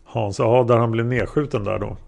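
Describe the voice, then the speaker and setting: A man's voice: mid-range voice, fairly even intonation, creaky, a little mellow. A man voicing a male taxi driver testifying as a witness, answering in a plain, hesitant way. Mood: calm.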